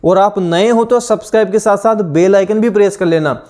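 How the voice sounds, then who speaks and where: A man's voice: high voice, a little mellow. A young Indian man teaching an online exam-prep lesson, repeating each answer and asking rhetorical questions. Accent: Indian English. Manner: drilling repetition, rhetorical questions, slow deliberate reading of definitions.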